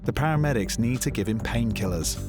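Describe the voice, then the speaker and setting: A man's voice: medium pitch, animated, fairly quick. A man reading scripted narration for a documentary. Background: background music.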